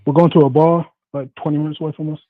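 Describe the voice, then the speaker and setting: A man's voice: a little high, little pitch movement, no room sound. Give me a male caller over a tinny phone line. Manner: hesitant, with pauses and fillers. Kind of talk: casual call-in question.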